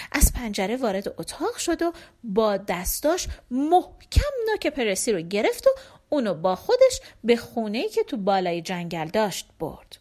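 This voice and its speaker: A woman narrating a folk tale for children, expressive and animated. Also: on the high side. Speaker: storyteller. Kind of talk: storybook narration.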